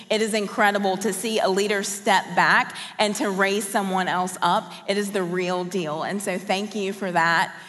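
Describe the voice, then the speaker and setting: A woman's voice: mid-range voice, fairly bright tone, long reverb tail. A woman raised in Colombia giving a sermon as a guest speaker, talking in a personal, conversational way and asking the audience questions. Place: large church auditorium.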